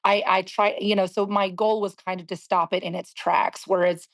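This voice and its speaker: A woman in her forties, a singer being interviewed, talking candidly and reflectively, often pausing to search for words. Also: medium pitch, little pitch movement. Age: 40s. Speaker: guest singer.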